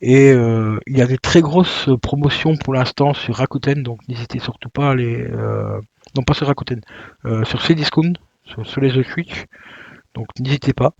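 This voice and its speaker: A man's voice: medium pitch, normal speed, vocal fry, a little mellow, no echo, highs cut off. A man chatting casually while he unboxes a video game, with lots of fillers and self-corrections. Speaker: YouTuber unboxing video games.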